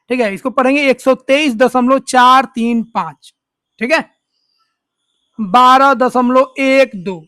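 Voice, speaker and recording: A maths teacher explains steps slowly and keeps quizzing the listener with call-and-response questions. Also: high-pitched, pushed and bright, no echo, clean studio sound. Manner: slow, step-by-step dictation. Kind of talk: online tutorial explanation.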